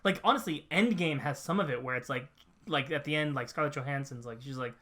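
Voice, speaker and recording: A man's voice: a little high, brisk, a bit bright. A young man co-hosting a podcast, talking casually and wryly with many fillers and restarts. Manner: hesitant, filler-heavy, wry. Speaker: podcast co-host. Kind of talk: casual chat.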